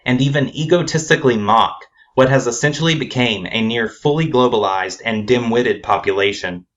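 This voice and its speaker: A man narrating a scripted spoken essay in a measured, formal, grave manner. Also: medium pitch, dull audio.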